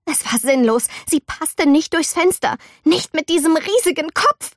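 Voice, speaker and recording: Slow, animated woman reading a story. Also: high-pitched, no room sound, clean studio sound. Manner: expressive, animated. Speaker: narrator.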